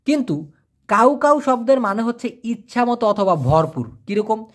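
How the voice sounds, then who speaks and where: Male language teacher, casual lesson, very animated pitch, repeats phrases slowly and translates them. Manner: repeats each phrase slowly and translates it, with a lively rise and fall.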